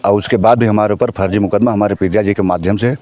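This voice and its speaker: A man's voice: fairly low pitch, fairly even intonation, fast talker, warm tone. A man in his forties answering questions in a field interview, insistently repeating his denials. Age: 40s.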